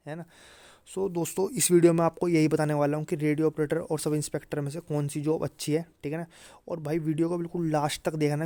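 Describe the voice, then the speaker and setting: Pitched on the high side and warm, this male exam-career video presenter talks students through careers in a casual way, with no echo on the audio. He hammers points home by repeating them, tacking brief check-in phrases onto each one.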